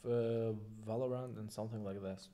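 A man's voice: fairly low pitch, steady tone, brisk. A young man chatting casually in a reaction video, playful and teasing. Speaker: reaction channel co-host. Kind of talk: casual group reaction chat. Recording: loud music underneath.

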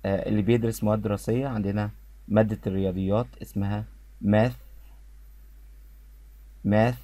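A man with an Egyptian Arabic accent runs an English pronunciation lesson. He says each word slowly and repeats it so students can follow. His voice is low and mellow, recorded dry and close. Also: level tone, dry recording. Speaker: English teacher.

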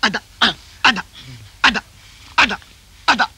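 An actor playing a blustering comic gangster boss in a stage play, bossy and boastful, barking orders and threats. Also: male voice, sits high, slow, pushed and bright, husky, faint music behind, full character voice.

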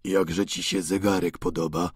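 A man voicing an aging father who pleads and frets over his daughter, his voice husky, very low and drawn out. The reading sounds close and dry, with no room around it. This is an audiobook character in a classic novel reading. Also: level tone, measured pace, dry recording, exaggerated voice.

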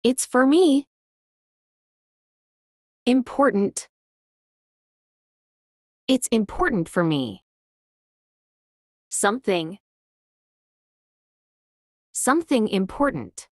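Slow, clear woman's phrase drill. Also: medium pitch, dry recording, studio quality. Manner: reads each short phrase slowly and clearly, with long pauses. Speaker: English teacher.

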